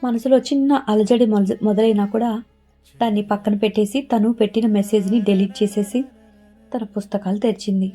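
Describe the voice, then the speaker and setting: A woman narrating a romance story in a steady, dramatic reading style. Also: medium pitch, brisk, faint music behind.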